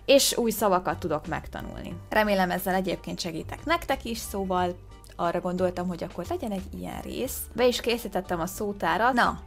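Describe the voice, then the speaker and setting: Faint music plays behind this gaming video host, whose voice is fairly low and gravelly. She comments casually, gasps and exclaims excitedly while guessing, and works through English words hesitantly.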